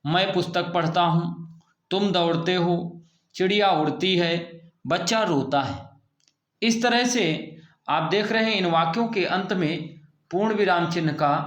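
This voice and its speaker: A man's voice: high-pitched, a bit bright. A male school teacher gives a patient, explanatory grammar lesson to students and repeats the key points. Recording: echoey room.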